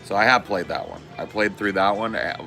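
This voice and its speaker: A man's voice: lowish voice, fairly quick, creaky, pushed and bright, soft background music. A man in his forties chatting casually on a live stream, laid-back and slangy, swearing often. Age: 40s. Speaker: streamer reading chat.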